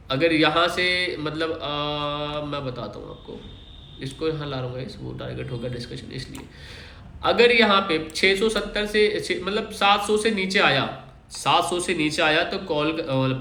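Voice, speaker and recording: Bright-voiced man walking through charts. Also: fairly high pitch. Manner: explanatory, keeps checking in with listeners. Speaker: trading channel host. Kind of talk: casual chart walkthrough. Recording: echoey room.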